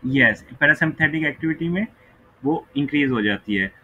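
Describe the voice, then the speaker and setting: A man's voice: on the high side, lively intonation, normal speed, breathy edge, phone-quality sound. A man giving an online physiology lecture who mixes Hindi-Urdu and English, asks students questions and keeps checking "ok, right?".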